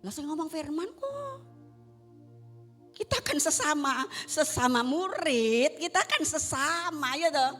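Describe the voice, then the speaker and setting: A woman with a Javanese accent preaching a sermon, swinging between loud exhortation and hushed asides. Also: high-pitched, big pitch swings, slow pace, soft background music. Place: church service.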